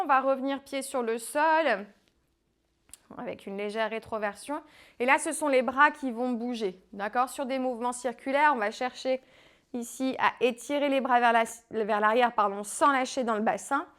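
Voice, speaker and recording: A French-accented woman leads a home floor workout in a voice that sits a little on the high side. She calmly cues each breath and movement, and now and then she stumbles over a word. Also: measured pace. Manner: calm cueing of breath and movement, occasional stumbles over words. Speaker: fitness coach. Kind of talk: guided home workout instruction. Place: home living room.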